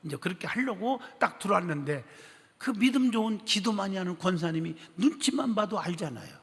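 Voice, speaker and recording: A male pastor preaching a sermon, telling a story with animated delivery, acting out quoted speech and putting questions to the congregation. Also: high-pitched, fairly quick, gravelly. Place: church sanctuary. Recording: long church-hall reverb.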